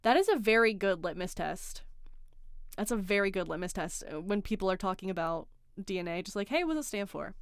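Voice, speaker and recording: A woman hosting a livestream in casual chat, sarcastic and animated, reading out chat comments. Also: medium pitch, a little fast, smooth, no echo, studio quality. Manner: animated, sarcastic, reads chat aloud, swears and laughs. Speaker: livestream host.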